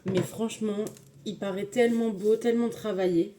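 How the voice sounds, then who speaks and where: A woman chats through a makeup tutorial for her viewers, enthusiastic about the products, hesitating often and using lots of fillers. She speaks at normal speed with a medium pitch and fairly even intonation, and the recording is very noisy.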